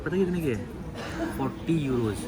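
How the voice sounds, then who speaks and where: A young man vlogging his trip, talking casually and excitedly to viewers as he moves through airports and onto planes. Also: medium pitch, a little fast. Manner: chatty, excited, addresses viewers as guys. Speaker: travel vlogger. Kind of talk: casual travel vlog. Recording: loud airport and engine noise.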